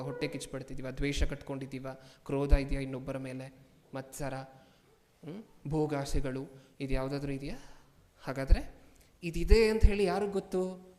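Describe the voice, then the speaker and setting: Kannada pastor preaching in a reverberant hall. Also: male voice, fairly high pitch. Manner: asks the congregation many questions and repeats lines for emphasis; swings from hushed asides to loud emphatic outbursts. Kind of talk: sermon.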